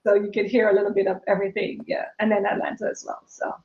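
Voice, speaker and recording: A small business owner in her fifties is a casual, often laughing guest on a live stream, her Jamaican accent mixed with British and American sounds. Her medium-pitched voice is monotone and quick, heard in a roomy recording that loses its highs.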